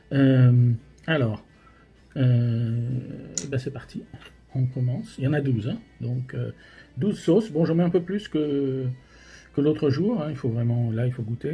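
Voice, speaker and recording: Halting Frenchman, mouth burning from spicy food. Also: mid-range voice, mellow. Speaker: host of a hot sauce tasting challenge. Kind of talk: casual commentary while tasting.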